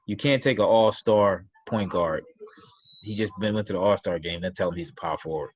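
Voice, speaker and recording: A man's voice: deep voice, fairly quick, muffled recording. A man co-hosting a casual sports podcast, blunt and opinionated in his takes. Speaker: podcast co-host.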